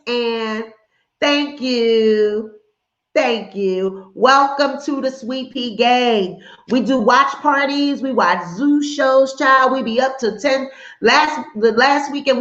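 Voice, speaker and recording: A high-voiced woman from hosts a casual gossip livestream, sassy and animated. The sound is dull and lo-fi, and it echoes around the room. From Philadelphia, USA. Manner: sassy, animated, laughing asides.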